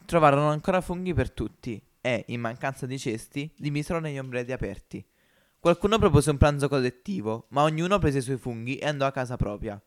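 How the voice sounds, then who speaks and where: Guy reading a story out for a podcast, steady expressive voice, middle pitch. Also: fairly quick. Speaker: narrator. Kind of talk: amateur audiobook narration.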